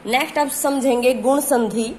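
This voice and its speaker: A woman with a high voice teaches a grammar lesson at a moderate pace, her tone steady and a little mellow. She poses questions and answers them herself, drawing out key words, while a faint hiss or hum sits under the recording.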